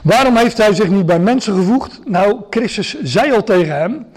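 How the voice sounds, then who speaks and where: A man's voice: high voice, lively intonation, moderate pace, darkish tone. A man preaching a sermon to a gathering, explaining step by step with frequent hesitations and restarts.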